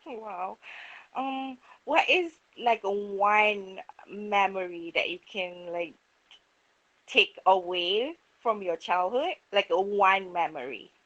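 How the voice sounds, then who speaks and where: A woman's voice: mid-range voice, takes it slowly, a bit bright, highs cut off. A woman interviewing a guest on a podcast, asking hesitant questions full of fillers.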